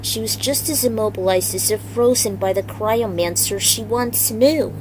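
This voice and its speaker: In a poor-quality amateur recording with a bit of hiss or hum, a woman who reads fan fiction narrates a dramatic fantasy tale. Her pitch is medium and her speed normal, and she voices the characters as she goes.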